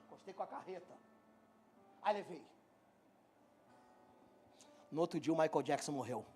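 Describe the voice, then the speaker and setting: A middle-aged man from Brazil preaching to his congregation, telling a funny personal story in a joking, animated way and speaking straight to the people. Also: fairly high pitch, moderate pace, soft background music. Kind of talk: humorous sermon storytelling. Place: church hall.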